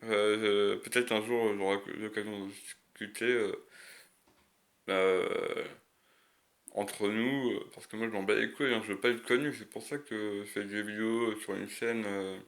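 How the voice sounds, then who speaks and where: A man's voice: on the low side, steady tone, a bit bright. A man with a lisp that makes his s slushy, talking off the cuff in a casual, hesitant, rambling monologue full of crude slang. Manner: rambling, hesitant, frequent long searching pauses. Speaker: video creator.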